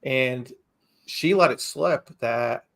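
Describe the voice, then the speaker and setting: A man's voice: mid-range voice, slow pace, creaky, fairly bright tone. A man co-hosting a real estate podcast in casual chat, repeating himself and leaning on "you know" as he talks things through. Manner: loose, repeats words, lots of "you know".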